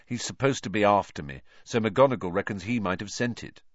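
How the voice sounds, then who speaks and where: A man's voice: on the low side, a little fast, no echo, lightly acted. A man voicing a gloomy, weary teenage boy wizard, recorded a little dull and dry.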